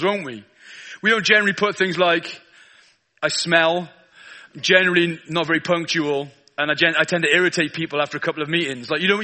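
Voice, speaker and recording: Male guest preacher, South Wales Valleys accent, high forceful voice, colloquial and self-deprecating sermon delivery. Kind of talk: informal sermon.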